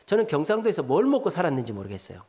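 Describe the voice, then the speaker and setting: Man, middle-aged, Gyeongsang Korean accent, pastor, conversational sermon, lively pitch, long church reverb. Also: racing. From South Korea, Gyeongsang region. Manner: conversational, asks the congregation questions, jokes. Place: church sanctuary.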